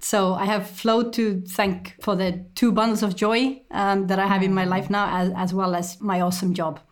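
A woman's voice: medium pitch, level tone. Estonian-born woman in her thirties, articulate. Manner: measured, articulate, with frequent ums and small repeats. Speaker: guest, company executive. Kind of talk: conversational interview.

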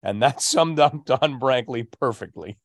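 A man's voice: mid-range voice, expressive, unhurried, no echo, studio quality. A man co-hosting a hockey podcast, recounting games and anecdotes in a casual, storytelling way. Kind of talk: casual sports chat.

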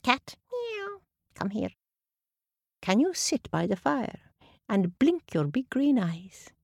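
A woman's voice: a little high, big pitch swings, takes it slowly, creaky, darkish tone, no echo, studio quality, voice pushed up, exaggerated voice. A woman voicing a proud, bossy peacock who gives orders grandly. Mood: boastful. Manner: grand and commanding.

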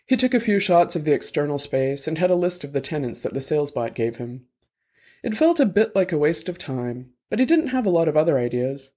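A man's voice: a little high, warm tone. Man narrating a detective story. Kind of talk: scripted audiobook narration.

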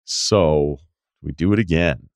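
A man's voice: very deep voice, slow pace, no room sound, clean studio sound. An American man hosting a sports podcast, talking in an informal, conversational way. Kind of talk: casual sports talk and ad reads.

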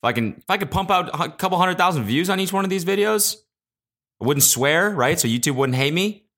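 Animated, foul-mouthed man on a podcast. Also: fairly quick. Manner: animated and profane, jumping between loud exclamations and low mutters. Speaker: podcast host. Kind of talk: casual solo podcast rant. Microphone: podcast microphone.

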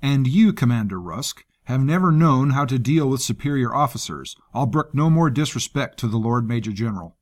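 A man's voice: mid-range voice, expressive, moderate pace, hardly any pauses, close to an everyday voice. A man doing a stern, formal general. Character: stern male grand general, measured and commanding.

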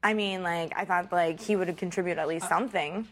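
Fast-talking young woman full of "like". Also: fairly low pitch, steady tone, a bit bright. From Ohio. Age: 20s. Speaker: litigant. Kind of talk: arguing her case.

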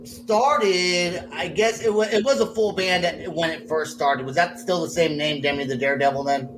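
A man's voice: on the high side, moderate pace, crowd noise, rough recording. A man hosting a casual interview, asking informal, loosely phrased questions. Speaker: interview host. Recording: clear background noise.

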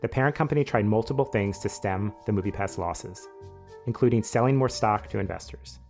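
A man hosting a podcast, reading a measured, scripted narration that explains a business story. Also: lowish voice, darkish tone, soft background music. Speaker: podcast host.

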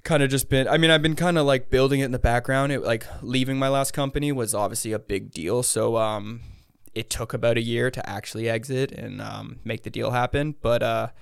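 Raspy American man with heavy vocal fry. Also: mid-range voice, fairly even intonation, a little fast, dry recording, clean studio sound. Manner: rambling, hedging, self-interrupting. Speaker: podcast guest. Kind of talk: casual interview chat.

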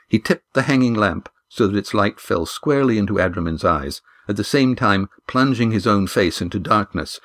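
A man reads a novel aloud in a steady, measured way, his voice sitting fairly low. The delivery is scripted narration, calm and even. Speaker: audiobook narrator.

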